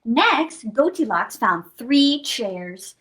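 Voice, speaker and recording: A woman with a fairly high pitch reads very slowly as she hosts storytime for young children. She brings the picture book to life expressively and playfully, adding sound effects and asking her listeners questions.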